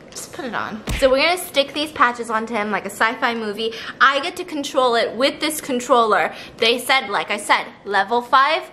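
Young woman vlogging, super animated bright voice, giggly, casual chat, bit of room noise. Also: fairly high pitch, moderate pace, few pauses, faint music behind. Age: young adult. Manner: excitable, dramatic, giggly. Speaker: vlog host. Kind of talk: casual chat to camera with partner. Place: living room and kitchen at home, indoors.

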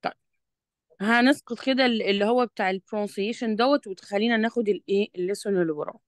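A woman's voice: medium pitch, no echo. A woman with an Egyptian Arabic accent tutoring a student in English, explaining patiently and checking often that she is understood. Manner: reads English sentences slowly and deliberately. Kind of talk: one-on-one revision lesson.

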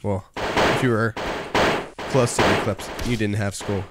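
A young man streaming a video game live, chatting casually, reading chat aloud and breaking into excited outbursts while he plays. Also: lowish voice, unhurried, very noisy.

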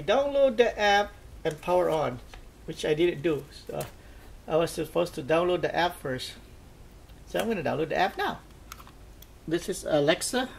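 A man casually narrating a product test as a reviewer, haltingly thinking aloud. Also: a little high, gravelly. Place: indoors at a tabletop. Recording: faint background noise.

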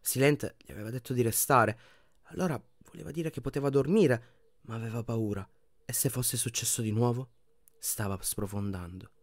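A man narrating an audiobook in an expressive reading voice that often drops to a hushed tone. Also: mid-range voice, brisk, dry recording. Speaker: audiobook reader.

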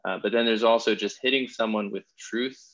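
Bright-voiced low-pitched male podcast host. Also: steady tone, brisk, highs cut off. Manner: enthusiastic, thoughtful, many restarts. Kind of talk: casual interview chat.

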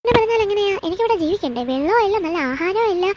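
A woman's voice: extremely high pitch, quick pace, darkish tone. A woman voicing a spoiled, rich young daughter-in-law in a cartoon, whining and demanding in a petulant way. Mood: shrill, demanding. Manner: whiny, petulant complaining. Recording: dull lo-fi with faint hiss.

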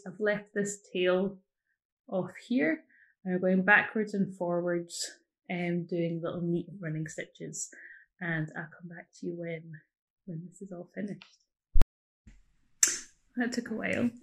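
A young woman talks through a hands-on craft demonstration in a small room, recorded close on a phone. Her voice has a slight gravelly edge and a middle-height pitch. She chats casually, often pausing and rephrasing as she thinks aloud. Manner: chatty, self-correcting, thinking aloud. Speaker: craft tutor.

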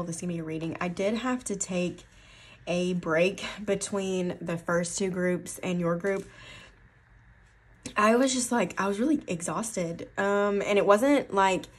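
Low-voiced Appalachian woman reading tarot. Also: breathy edge. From Appalachian foothills, USA. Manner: rambling, self-correcting, thinking aloud. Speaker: tarot reader. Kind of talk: casual tarot card reading.

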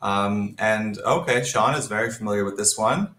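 A man talks through a Scrabble position in an analytical, think-aloud way. His voice sits low. The sound carries a roomy echo. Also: normal speed, fairly bright tone, a little hiss or hum. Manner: analytical, thinks aloud while reading the board. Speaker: Scrabble commentator. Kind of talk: live game commentary.

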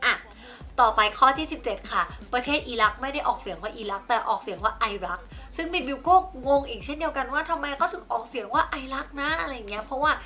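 A woman's voice: sits high, animated, quick pace, bright, forceful tone, faint music behind. A young woman vlogger chatting casually through a numbered movie rundown, with polite particles at the end of her sentences.

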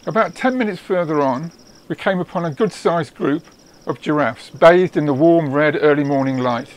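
A man giving scripted nature documentary narration in a measured, descriptive storytelling way. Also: a little high. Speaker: narrator of own wildlife travel film.

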